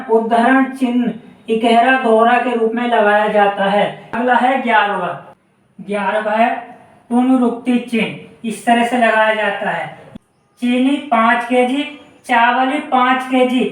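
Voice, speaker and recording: A teacher giving a step-by-step grammar lesson for exam preparation. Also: mid-range voice. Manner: explains step by step, pointing to the board. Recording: echoey room, voice far from the mic.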